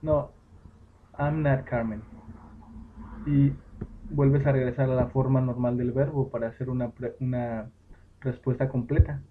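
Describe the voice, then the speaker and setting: A male English teacher explains grammar patiently in a home-made lesson, using fillers and correcting himself. His voice is medium-pitched with fairly even intonation, a little slow with frequent pauses, and the recording sounds tinny and phone-like with faint noise.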